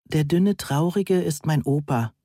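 A man's voice: a little high, unhurried, dark tone, no room sound, studio quality, voice pushed up. A man doing a sweet-voiced young woman. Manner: sweet, angelic. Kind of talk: audiobook character voice.

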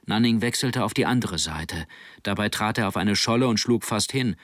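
Low-voiced man reading a story. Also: no room sound, clean studio sound. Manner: steady, measured reading. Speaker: audiobook narrator. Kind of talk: scripted narration.

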